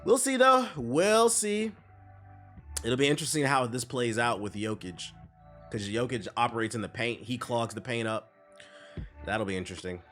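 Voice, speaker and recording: Soft background music plays as a congested man with a cold reads the news on his live stream before riffing casually on chat. His mid-range voice has a fairly bright tone and moderate pace.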